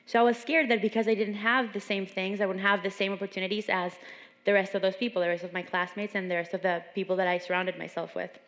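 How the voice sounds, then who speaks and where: Seminar speaker: young woman from Venezuela, earnest storytelling, reverberant gym hall, mid pitch. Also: steady tone, fast talker, a bit bright. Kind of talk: motivational talk. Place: large gym.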